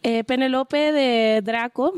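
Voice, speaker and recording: A young woman from Puerto Rico, a musician, casually talking about her band's song choices in relaxed, halting phrases. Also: sits high, clean tone, dry recording. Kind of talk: casual interview about the songs.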